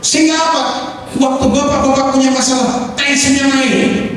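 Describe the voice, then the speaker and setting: A man with a high voice and an East Javanese accent preaches to his congregation, turning again and again to his listeners as he tells the story. He is heard from a distance in a large church hall with a long, ringing reverb. A soft murmur of room sound stays under his voice. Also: fairly even intonation, moderate pace, slight background noise. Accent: Indonesian, East Javanese. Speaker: pastor. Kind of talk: sermon.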